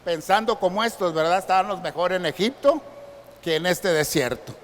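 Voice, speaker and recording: A man's voice: high voice, animated, normal speed. A man preaching a sermon as pastor, asking the congregation rhetorical questions and acting out the voices of frightened people. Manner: acts out frightened crowd voices. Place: church sanctuary. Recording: long reverb in a large church hall with faint hiss.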